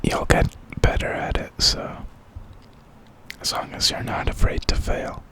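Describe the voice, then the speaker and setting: A man whispers an ASMR pep talk, entirely without voice. The whisper is crisp and bright, and he takes his time. He sounds reflective and encouraging, offering positive affirmations. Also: a little slow. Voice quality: unvoiced, breathy whisper. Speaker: ASMR creator.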